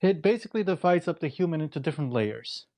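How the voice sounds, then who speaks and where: A man on an online call, explaining ideas in a measured, lecturing way. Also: fairly high pitch, expressive, darkish tone, no room sound. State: out of breath. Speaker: community member. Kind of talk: explanatory discussion. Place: remote call.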